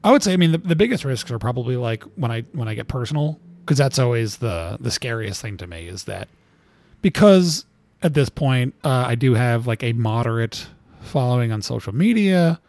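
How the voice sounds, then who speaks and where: Man, gravelly, rambling casual talk, lots of fillers, mid pitch, dry sound. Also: very animated, moderate pace, a little mellow, no room sound. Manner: rambling, lots of fillers, laughs at own stories. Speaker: cartoonist guest. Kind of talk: casual interview chat.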